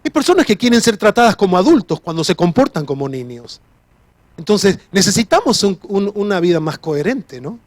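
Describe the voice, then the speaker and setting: High-voiced pastor preaching. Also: male voice, very animated, brisk, dry recording. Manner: earnest, repeats key phrases, restarts sentences. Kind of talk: sermon.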